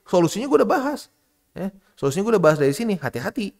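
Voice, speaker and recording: A man's voice: high voice, very animated, rapid-fire, darkish tone. A man hosting a crypto channel, giving blunt, slangy, scolding market commentary.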